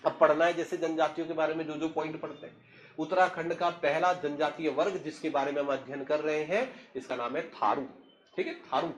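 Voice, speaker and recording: A man's voice: fairly high pitch, fairly quick. A young man from Uttarakhand teaching a lesson in a lecturing style, quizzing the class and answering himself. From Tehri district, Uttarakhand, India. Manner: explanatory, asks the class questions and answers them himself.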